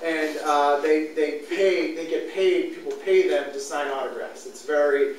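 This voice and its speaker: A man's voice: on the high side, steady tone, normal speed, slight background noise. A man doing stand-up storytelling, rambling and acting out quotes, heard on a stage mic in a comedy club. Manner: rambling, self-interrupting, acts out quotes. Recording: echoey stage mic from far off with loud audience laughter.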